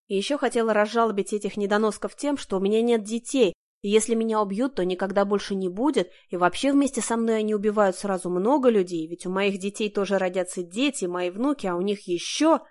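Brief: woman reading a first-person story aloud, dramatic and emotional, middle pitch. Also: a little fast, a little mellow. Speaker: audiobook narrator. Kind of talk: first-person audiobook narration.

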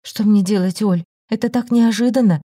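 A woman voicing a calm, firm woman of forty. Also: mid-range voice, moderate pace, slightly rough, no room sound, studio quality, pitched above the performer's own voice, close to an everyday voice. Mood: exasperated. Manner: calm, firm, matter-of-fact.

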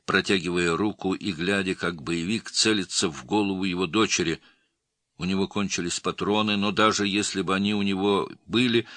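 Deep-voiced male audiobook narrator. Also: bright, forceful tone, no echo, studio quality.

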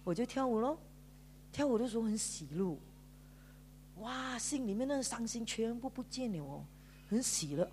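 A woman's voice: fairly high pitch, expressive, moderate pace, pauses often, darkish tone, slight background noise. A woman pastor with a Malaysian Mandarin accent, giving an emotional sermon testimony in a storytelling way, drawing out sentence particles and mixing in English words. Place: church.

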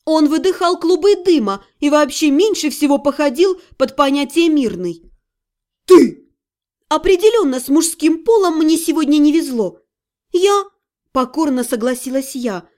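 A woman narrating a first-person fantasy audiobook in a brisk, wry storytelling voice. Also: high-pitched, darkish tone.

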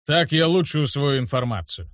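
A man voicing a gruff, irritable grown man who talks brusquely. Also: mid-range voice, expressive, moderate pace, no room sound, clean studio sound, natural voice.

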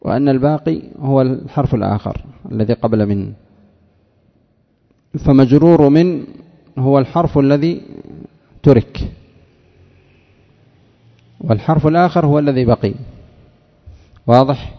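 Speaking at a moderate pace with long pauses, a gravelly man with a mid-range voice teaches Arabic morphology as a sheikh. He repeats examples and quizzes students by name in the classroom lesson, recorded dully in lo-fi within a reverberant hall.

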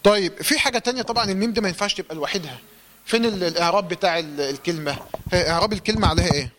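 A man's voice: high voice, racing, noisy background. A man with an Egyptian accent teaching Quran recitation rules, asking questions and answering them himself. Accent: Egyptian Arabic. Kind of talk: tajweed lesson.

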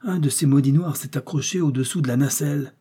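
A man reading aloud voices an excitable male servant with startled exclamations. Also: a little high, fairly quick, slightly rough, voice pushed up. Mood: alarmed.

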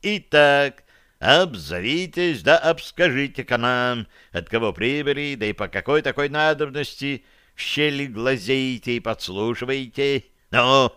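In an audiobook, a gruff, folksy enforcer , put on by a male narrator, speaks in a raised, drawn-out commanding voice. His words are clear and smooth, set dry and close with no room around them. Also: medium pitch, animated, bright, forceful tone, dry recording, pitched above the performer's own voice. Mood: stern.

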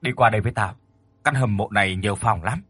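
A man's voice: on the low side, a bit bright, slightly rough, dry recording, soft background music, pitched below the performer's own voice. Man doing a cocky teasing older brother. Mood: brash. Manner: joking, quick and brash.

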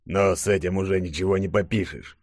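A man voicing a stern middle-aged chief who briefs his team in a grave, measured way. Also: deep voice, steady tone, no room sound, studio quality.

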